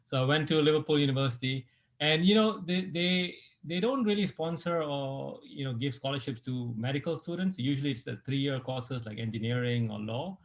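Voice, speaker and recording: A middle-aged Malaysian sports medicine doctor tells his life story as an interview guest. He's relaxed, with lots of fillers and restarts, and speaks at a medium pitch and a normal pace.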